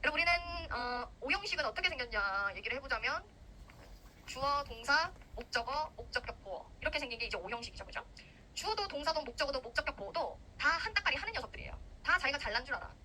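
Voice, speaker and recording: Young woman, grammar lecturer: high, fast and animated, acts out her examples. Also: a little hiss or hum, rough recording. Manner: lively, animated, acts out grammar parts in quarrelling voices. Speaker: English grammar teacher for civil service exam students. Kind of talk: recorded lecture.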